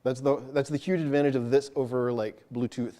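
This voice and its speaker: A man presenting a technical talk to a live audience, quick and casual, joking about himself. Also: medium pitch, steady tone, warm tone. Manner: fast, casual, self-deprecating. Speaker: meetup presenter. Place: meeting room with an audience.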